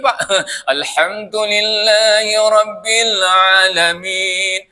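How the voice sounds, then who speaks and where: Older guy preaching in a mosque, high bright voice, jokey, keeps quizzing the crowd. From Indonesia. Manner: lively, joking, asks the congregation questions. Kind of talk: sermon.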